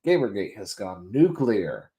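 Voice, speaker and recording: A man's voice: lowish voice, very animated, measured pace, warm tone. A tired man hosting a casual gaming news livestream, joking, laughing often and restarting his sentences. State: tired, yawning. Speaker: podcast host.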